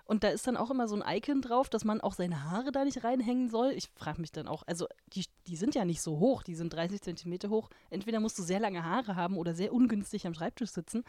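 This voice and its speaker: A woman's voice: medium pitch, quick pace, few pauses, no echo. A woman podcast host reads a fairy tale aloud and breaks off for wry, casual remarks. Her voice moves up and down a lot. The sound is close and dry. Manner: lively and wry. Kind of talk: reading aloud with casual chat asides.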